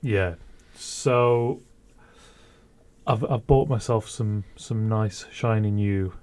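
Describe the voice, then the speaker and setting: A man's voice: lowish voice, very slow, a little mellow. A young man co-hosting a podcast, telling rambling anecdotes in a casual chat. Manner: rambling, anecdotal storytelling with restarts. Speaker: podcast co-host.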